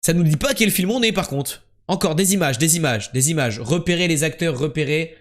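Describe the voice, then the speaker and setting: A young man streaming quiz games live, chatting casually and joking, jumping between loud bursts and low mumbles. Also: lively intonation, a little fast.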